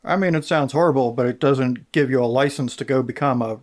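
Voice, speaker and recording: A man's voice: medium pitch, brisk. A man co-hosting a true-crime podcast who bluntly reacts to what he hears with disgust and cursing. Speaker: podcast co-host. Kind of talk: casual true-crime chat.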